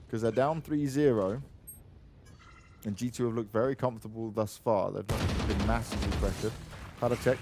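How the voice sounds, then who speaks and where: A man casting an esports match play by play, getting sharply louder and higher on big plays. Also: noisy background. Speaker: esports caster. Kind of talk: play-by-play commentary.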